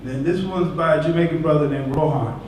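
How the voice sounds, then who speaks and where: A man performing spoken-word poetry live on a concert stage, with a slow, intense and dramatic delivery that swings widely in pitch and loudness. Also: background noise. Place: stage of a large concert venue. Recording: echoey hall recorded from far off.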